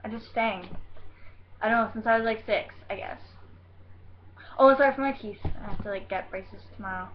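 Her pace normal but broken by frequent pauses, a medium-pitched teenage girl vlogs in her bedroom, rambling, giggling, and answering questions in a hyper, scattered way. The sound from her computer webcam mic is dull, carrying a little hiss or hum.

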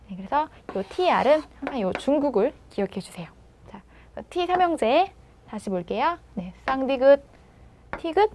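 A woman teaching pronunciation in a video lesson, patiently prompting and sounding words out slowly. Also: fairly high pitch, a little hiss or hum. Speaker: language teacher.

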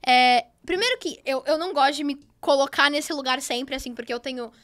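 A woman's voice: sits high, brisk, a bit bright. A young woman with a Brazilian Portuguese accent, a podcast guest telling stories in a bubbly, gushing way. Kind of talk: casual podcast chat.

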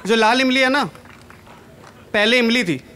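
This young man from Kanpur, India has an extremely high, pushed and bright voice, yet he speaks unhurriedly. He is doing stand-up comedy into a handheld mic on a large indoor event stage, chatty and self-mocking. A slight background noise can be heard.

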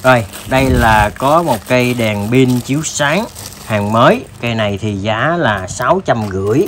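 A man with a southern Vietnamese accent presents goods in a casual, stop-and-start sales pitch. His voice sits at a medium pitch and he talks informally, as if to buddies. The recording is clearly noisy, with clicks and tool sounds. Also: expressive, fairly bright tone. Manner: informal, halting pitch addressing viewers as buddies. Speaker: tool seller presenting products. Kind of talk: casual sales demo, unboxing tools.

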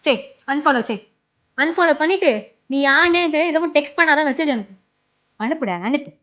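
A woman's voice: high-pitched, fairly quick, fairly bright tone, muffled recording, a little hiss or hum. A young woman acting a wife in a comedy skit, coaxing and then scolding her partner in a nagging way. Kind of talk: acted comedy skit dialogue.

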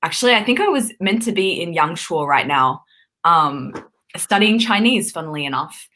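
Animated and sharp-toned, her fairly low voice moves at normal speed over a little hiss or hum. The speaker, an Australian YouTuber in her twenties co-hosting a live stream, chats casually and laughs through a home video call on her webcam, filling gaps with ums.

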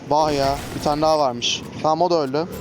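A man's voice: a little high, steady tone, fairly quick. A man giving casual, chatty gameplay commentary as a gaming host, often exasperated and cursing at enemies. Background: traffic noise.

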